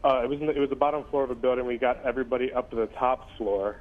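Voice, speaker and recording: A man speaks over a narrow, tinny phone line as a news interviewee. He tells his story casually, with ums and restarts, at a mid pitch. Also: fairly even intonation, rapid-fire.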